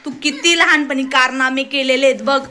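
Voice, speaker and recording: In a casual family vlog shot indoors on a noisy phone, a young woman with a Marathi accent scolds her little boy, frustrated and close to crying. Her voice sits high with a sharp tone, fairly even intonation and a fairly quick pace.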